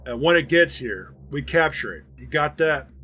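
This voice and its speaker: A man's voice: a little high, animated, normal speed, pushed and bright, soft background music. A man voicing a coarse, swearing male security agent in a dramatized audio log. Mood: gruff.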